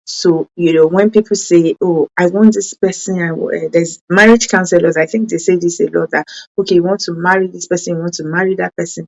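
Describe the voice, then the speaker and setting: This darkish-toned woman speaks Yoruba and hosts a parenting channel, and the recording sounds muffled. She comes across as earnest, correcting herself mid-stream and jumping up in pitch when she wants to stress a point.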